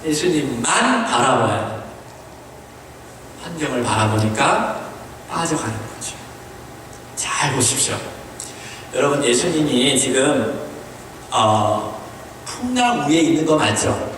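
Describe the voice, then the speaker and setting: A Korean man preaching a sermon as pastor, asking the congregation questions and mixing in short English phrases, swinging between high emphatic lines and low quiet ones. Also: animated, slow pace, pauses often, slight background noise. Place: church sanctuary. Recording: echoey church hall, voice from a distance.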